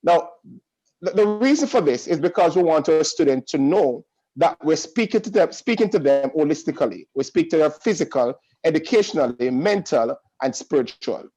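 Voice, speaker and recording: A middle-aged man speaking as a school principal on a video call, in an earnest, reassuring tone. His voice is warm and mellow, and he leans into a preacher's cadence, circling back to restate his points. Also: on the high side, animated, moderate pace, lo-fi sound. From Jamaica. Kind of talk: welcome speech on an online call.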